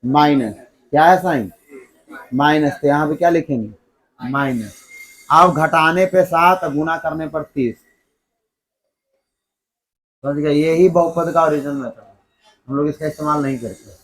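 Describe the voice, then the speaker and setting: Male teacher, slightly high voice, call-and-response classroom style. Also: unhurried, pauses often, rough recording. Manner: keeps quizzing the class, then answering himself. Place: classroom with students.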